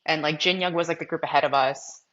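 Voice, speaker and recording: Low-voiced chatty young woman golfer. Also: fairly even intonation, quick pace, a bit bright, dull audio. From Massachusetts, US. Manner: chatty, frequent fillers like "like" and "um". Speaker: podcast guest, professional golfer. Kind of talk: casual storytelling interview.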